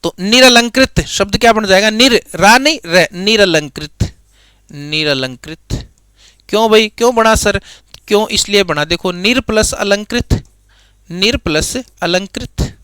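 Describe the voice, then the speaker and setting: Male grammar tutor with a lilt. Bright, sharp tone. Drills students with repeated questions and slow repetition. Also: high-pitched, clear, resonant tone, no room sound. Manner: repeats key words slowly, quizzes students with questions. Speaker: Hindi grammar teacher. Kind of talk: classroom lecture.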